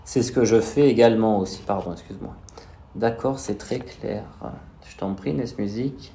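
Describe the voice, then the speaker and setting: A young man with a slushy lisp on his s hosts a live stream, chatting casually and reading out viewers' questions. His voice is lowish and dark, at a moderate pace. He records in a small indoor room on a phone held at arm's length, so the sound is echoey.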